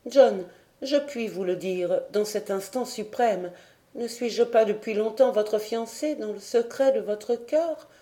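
A woman reading an audiobook voices a brave young woman, speaking in a soft, earnest, pleading way. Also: on the high side, slow pace.

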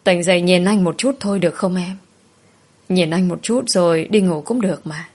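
A woman narrator voicing a grieving young husband who pleads quietly and tearfully at his wife's hospital bed. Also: on the low side, moderate pace, breathy edge. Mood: pleading.

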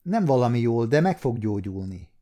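An adult man voicing a calm, matter-of-fact royal physician. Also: medium pitch, close to an everyday voice.

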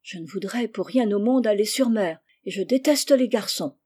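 A fretful, timid young orphan girl speaks in a warm, soft-edged voice, voice held at an even middle pitch, as a woman narrator reads her. She sounds anxious and complaining, a storybook heroine afraid of everything. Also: normal speed, husky, natural voice. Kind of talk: audiobook character reading.

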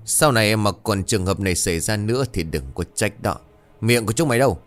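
A man's voice: lowish voice, lively intonation, fast talker, soft background music, natural voice. A man voicing a cruel, arrogant rich landlord villain, harsh and threatening. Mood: menacing.

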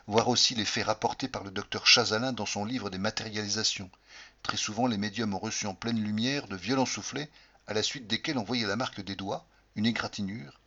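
A man narrating a novel in the first person, reading in an expressive, emotional way. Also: on the low side, breathy edge. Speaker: audiobook narrator. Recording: slightly dull lo-fi recording.

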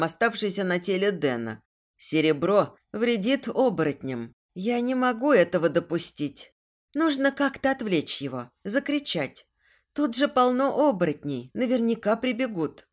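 A woman reading a first-person fantasy audiobook in an expressive, tense storytelling manner. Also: medium pitch. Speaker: audiobook reader.

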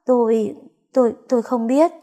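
A woman's voice: mid-range voice, normal speed, darkish tone, natural voice. A woman voicing a timid, frightened female maid who stammers and hesitates. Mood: stammering.

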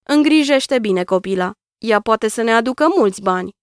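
Lady reading a stern gruff husband from a storybook, curt and bossy, dry sound. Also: fairly high pitch, animated, dry recording, close to an everyday voice. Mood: cold. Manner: curt, commanding.

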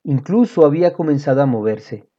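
A woman reading a children's book aloud in an expressive storytelling manner. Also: deep voice, brisk. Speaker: reader. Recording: dull lo-fi audio.

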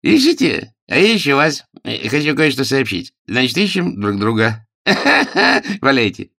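A man's voice: medium pitch, big pitch swings, measured pace, vocal fry, pushed and bright, no echo, studio quality, pitched above the performer's own voice, full character voice. A man voicing a tipsy, over-familiar male private detective who gossips, in an audiobook. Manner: drunken, over-familiar, giggly. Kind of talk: audiobook character voice.

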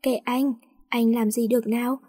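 Brief: a jealous young husband in a storybook, soft-edged and breathy, as a woman narrator puts him on. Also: a little high, little pitch movement, normal speed. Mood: teasing. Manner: teasing, possessive.

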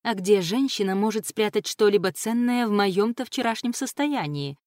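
A woman reading an audiobook voices a cheerful, teasing young female mercenary with a lively, excitable delivery. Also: mid-range voice, moderate pace, no room sound, clean studio sound, lightly acted. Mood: wry.

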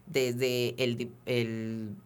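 Heard in a radio interview, the Venezuelan man, an activist guest, gives an earnest, detailed account of procedures. His ordinary-pitched voice is level, clear and resonant, though he often pauses on fillers and restarts his phrases.

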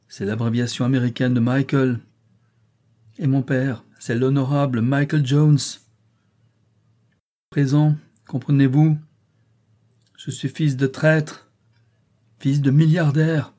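A man's voice: medium pitch, dark tone, lightly acted. A man voicing a despairing young man, anguished and broken with shame, in an audiobook. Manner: sobbing, anguished pleading.

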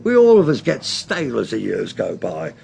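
An actor playing a blunt, teasing English police inspector in a radio drama, matey and colloquial, with a gravelly voice. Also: male voice, lowish voice, huge pitch swings, moderate pace, a little mellow, exaggerated voice.

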